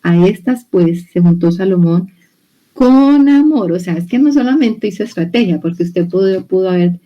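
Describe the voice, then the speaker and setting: A woman's voice: fairly low pitch, animated, normal speed, lo-fi sound, soft background music. A Colombian woman with a Colombian Spanish accent, teaching a Bible study in a church in a chatty, explanatory way, often restarting her sentences. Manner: explanatory, conversational, with many restarts. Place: church hall.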